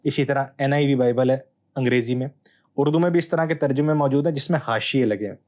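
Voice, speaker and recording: A man, a Bible scholar guest, explaining texts in a measured, teacherly way with hesitant pauses. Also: mid-range voice, darkish tone, highs cut off. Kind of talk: explanatory interview answer.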